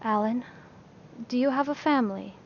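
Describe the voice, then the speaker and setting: Weary young priest, crisp and reserved, read by a woman, fairly high voice, lo-fi sound. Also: moderate pace, a little hiss or hum, natural voice. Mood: quiet, crisp. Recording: slightly dull lo-fi recording.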